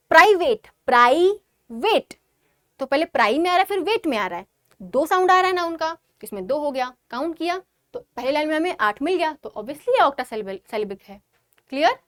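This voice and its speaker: Indian woman tutor, high voice, dry close sound, walks students through exam answers, reads quotes slowly. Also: dry recording. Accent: Indian English. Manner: switches between English and Hindi, reads English quotes slowly and deliberately. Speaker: exam prep teacher. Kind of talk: online exam lesson.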